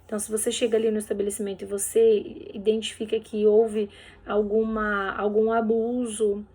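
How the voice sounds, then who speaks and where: A woman's voice: mid-range voice, level tone, moderate pace, warm tone, breathy edge. A woman teacher going over workbook answers in a recorded lesson, explaining patiently step by step and checking in with tag questions.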